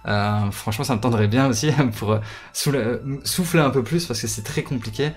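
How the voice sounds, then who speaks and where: A man's voice: medium pitch, brisk. A man, a gaming YouTuber chatting casually with his viewers in a hesitant way, full of fillers and repeated words.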